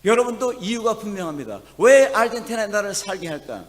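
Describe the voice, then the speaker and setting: A man from Chungcheong preaching as pastor, moving between soft, quiet asides and loud, emphatic passages. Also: sits high, big pitch swings, fairly quick. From Chungcheong, South Korea. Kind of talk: sermon. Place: church sanctuary. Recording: long church hall reverb.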